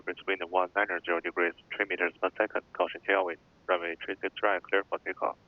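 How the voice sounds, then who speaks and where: Deep, flat controller over tinny radio. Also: male voice, quick pace, dry recording. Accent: Chinese. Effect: voice over aircraft radio. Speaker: air traffic controller. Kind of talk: clipped radio phraseology. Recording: tinny narrowband radio transmission.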